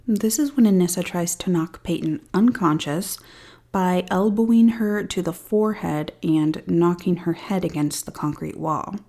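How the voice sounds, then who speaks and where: Retelling a true crime case with dry sarcasm, this podcast host speaks in a lowish, dark voice at normal speed. She records on a studio-style podcast microphone.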